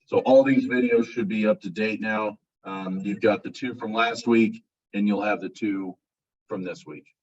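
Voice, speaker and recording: A male college instructor giving a casual classroom lecture, relaxed and self-described as monotone. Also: on the low side, a little slow. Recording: muffled, distant classroom recording.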